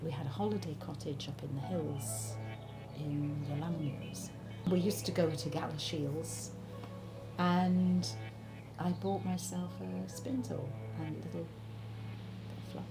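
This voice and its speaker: A Welsh woman, a spinner and knitter, reminisces warmly in a documentary interview, thoughtful and unhurried. Her voice is lowish, steady and gravelly, captured on a rough recording with background music.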